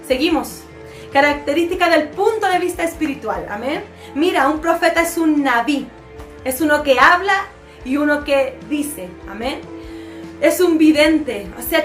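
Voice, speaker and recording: A Chilean woman pastor preaches with a high, earnest voice, leaning on rhetorical questions to drive her teaching home. Her words ring through an echoey church hall. Soft music plays faintly underneath. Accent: Chilean Spanish. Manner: fervent, asks rhetorical questions, fillers like "¿cierto?". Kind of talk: sermon teaching.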